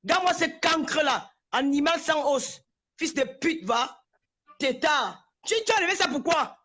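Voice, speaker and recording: A woman's voice: high-pitched, animated, moderate pace, fairly bright tone. A woman, hurling insults in a confrontational live-stream rant. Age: 40s. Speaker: social media personality.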